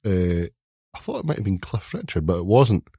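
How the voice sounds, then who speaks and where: A man co-hosts a casual podcast, delivering dry deadpan humour between hesitant ums. His voice is very deep and husky. The recording is dry, with no room sound. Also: brisk, dry recording. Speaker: podcast co-host. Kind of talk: casual chat.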